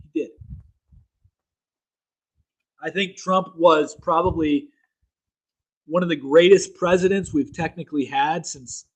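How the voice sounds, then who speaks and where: A man's voice: fairly high pitch, fairly even intonation, normal speed, rough recording. A young man hosting a casual solo political talk show, rambling, repeating himself and using many fillers. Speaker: show host.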